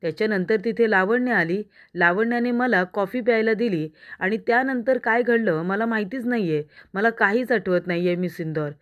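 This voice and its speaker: A proud young husband, pleading and then defensive, as a woman narrator reads him. She keeps her own mid-pitched voice for him. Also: normal speed, phone-quality sound, close to an everyday voice.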